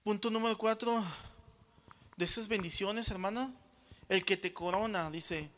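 In an unhurried sermon, a man whose voice is high-pitched and fairly bright keeps calling his listeners brothers, checking in with the congregation once he finishes each point.

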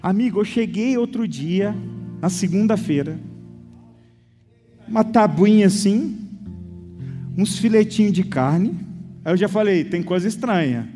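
Male preacher, very high voice, animated, church reverb, soft music behind. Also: a little slow, pauses often. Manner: animated, acting out quoted complaints and prayers. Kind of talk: sermon.

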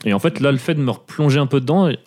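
A man's voice: medium pitch, rapid-fire, darkish tone. A man co-hosting a casual music podcast, stumbling and repeating words. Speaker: podcast co-host. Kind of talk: casual chat about records.

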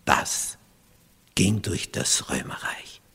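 A man with an Austrian accent preaching a sermon as pastor, swinging from loud emphatic peaks down to hushed near-whispers. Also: takes it slowly, in a large hall.

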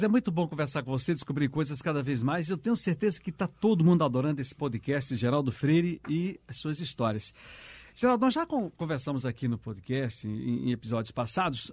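A man's voice: fairly high pitch, big pitch swings, brisk, darkish tone. A man hosting a podcast, introducing segments and interviewing his guest in an upbeat way. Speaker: podcast host.

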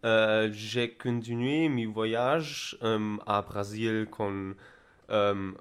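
A young man from Germany with a German accent touched by Spanish, speaking broken, halting non-native French in a casual interview, often repeating and searching for words. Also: lowish voice, clean tone. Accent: German with Spanish influence. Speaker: interviewee recounting travels.

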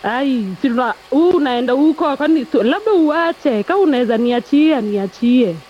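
A woman's voice: sits high, lively intonation, normal speed. A woman with a Kenyan accent calling in by phone, chatting casually and bluntly, repeating herself. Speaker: phone-in caller. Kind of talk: casual chat in Swahili-English slang. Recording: dull phone call, faint vehicle noise.

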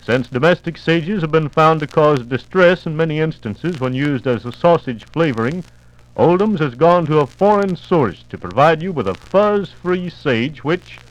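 A man's voice: fairly high pitch, lively intonation, moderate pace, rough recording. A man announcing a 1950s radio commercial in a folksy, jokey way, on an old disc recording.

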